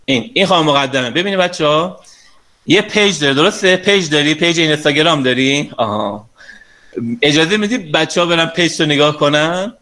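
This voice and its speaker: A man's voice: on the high side, sharp tone. A man teaching an online class as a sales and communication trainer. He speaks straight to his students in a chatty, coaxing way and teases them lightly.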